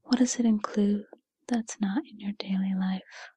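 A kindly, patient fairy godmother, played by a woman in a whispered role-play. She speaks in a very breathy, soft-edged whisper, taking her time. Her manner is soothing and encouraging as she reassures the listener. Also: mid-range voice, steady tone, no room sound. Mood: gentle, reassuring. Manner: soothing, encouraging, unhurried second-person address.

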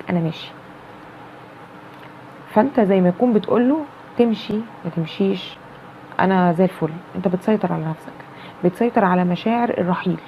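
A woman with an Egyptian accent giving a casual tarot reading, chatty and acting out the quoted lines of the people she describes. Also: medium pitch. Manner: chatty, acts out quoted dialogue in shifting tones. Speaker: tarot reader. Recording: dull lo-fi sound with faint background noise.

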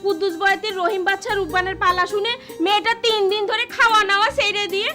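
A woman's voice: very high voice, level tone, fast talker. An actress playing an older village wife and mother, practical and scolding as she presses her point. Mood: insistent. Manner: scolding, insistent. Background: music.

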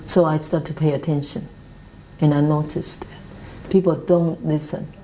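A Taiwanese woman in her fifties, with a Taiwanese accent, speaking earnest, halting English with restarts as she tells her life story, seated in an office meeting room. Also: deep voice, little pitch movement, warm tone, a little hiss or hum, rough recording. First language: Mandarin Chinese. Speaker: interviewee. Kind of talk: reflective life-story interview.

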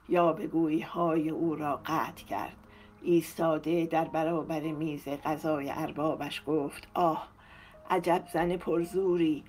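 A woman narrator calmly reading a novel aloud for an audiobook. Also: deep voice, slight background noise.

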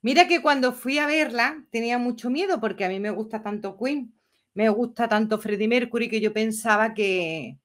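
Woman in her fifties, chatty livestream host, exclamatory, fairly high voice. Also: moderate pace. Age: 50s. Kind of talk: casual livestream chat.

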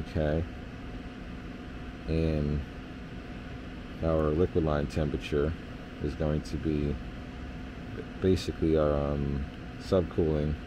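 A male HVAC technician gives an easygoing, hands-on rundown of system readings beside a basement furnace, peppered with fillers. His pitch is extremely low, and there's noise in the background.

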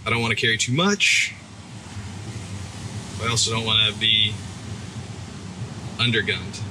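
A man's voice: on the low side, a little slow. A young man casually talking to himself as he fishes from a rocky ocean shore, recorded on an action camera. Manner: relaxed, talks to himself while fishing. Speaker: fishing vlogger. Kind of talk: casual outdoor narration. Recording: wind-buffeted action camera by crashing surf. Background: surf and wind.

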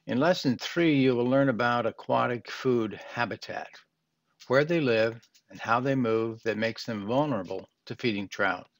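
In a small home room with shelves, an older man with a mid-range voice gives instructional narration for a fly fishing lesson at a moderate pace. He talks plainly and earnestly, with some fillers and restarts.

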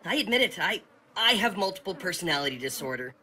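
A man's voice: sits high, very animated, fast talker, background noise. An actor playing a nervous, apologetic teenage boy in a cartoon, hesitant and stammering. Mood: sheepish. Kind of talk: cartoon voice acting.

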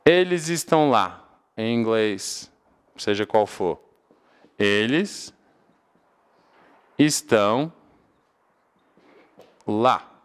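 A man's voice: fairly low pitch, lively intonation, extremely slow, long pauses, smooth. A man from Portugal with a European Portuguese accent, teaching an English grammar class and asking his own questions before answering them. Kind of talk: classroom lecture.

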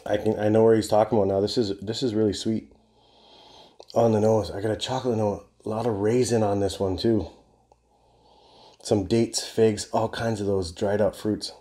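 In his home bar room indoors, a man in his forties hosts a beer review video, rambling enthusiastically and swearing casually as he talks to camera. He speaks at a moderate pace in a lowish, dark voice with fairly even intonation.

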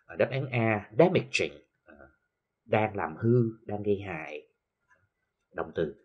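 A man with a Southern Vietnamese accent teaching an English lesson, explaining slowly with many filler sounds and reading English examples carefully. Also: fairly low pitch, expressive, breathy edge, muffled recording. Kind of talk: recorded classroom lesson for TV.

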